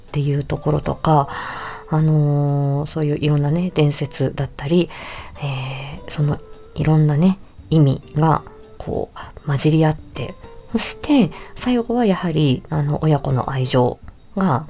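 A woman voice actor with a low, mellow voice talks casually on her own about her work. She comes across as polite and reflective, as though chatting with listeners, and her tone is dark and relaxed.

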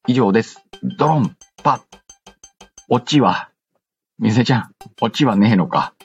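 A man with a husky, mid-range voice speaks expressively at normal speed, hosting a casual radio-style show where he reads listener letters in a playful, slangy tone and interrupts himself with asides. Background music sits under the dull, lo-fi sound.

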